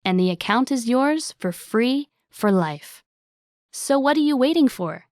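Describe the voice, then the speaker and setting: An upbeat woman reads a scripted promo in a brisk, salesy tone. Her voice sits a little high. The recording is dry and close, with no room sound. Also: expressive, a little mellow, dry recording. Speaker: ad announcer.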